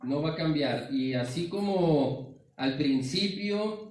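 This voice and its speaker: A man's voice: fairly high pitch, lively intonation, takes it slowly, a little mellow, far from the mic. A man with a northern Mexican accent preaching a sermon in a church, earnest and constantly calling his listeners "hermano.". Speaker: pastor. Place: large church sanctuary. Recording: very echoey hall, voice from afar.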